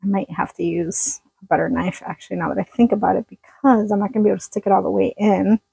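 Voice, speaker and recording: A woman's voice: mid-range voice, little pitch movement, fast, creaky, dark tone, breathy edge, dry recording, rough recording. A woman chatting casually while cooking in a small trailer kitchen, laughing often as she works. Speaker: cooking vlogger. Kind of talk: casual cooking chat to camera. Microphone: phone-plugged mic near the counter.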